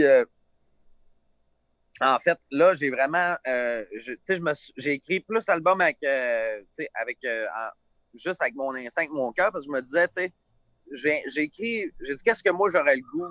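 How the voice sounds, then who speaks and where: A man with a Lac-Saint-Jean Quebec French accent, a singer chatting outdoors as a guest in a relaxed, rambling way over a remote call. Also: a little high, moderate pace, dry recording. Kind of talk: casual chat.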